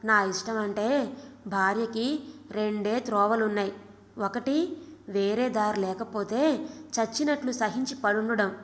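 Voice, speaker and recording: A woman voicing a calm, resigned wife. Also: medium pitch, lightly acted. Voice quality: measured, reflective. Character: calm, resigned middle-aged wife, reasoning. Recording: long reverb.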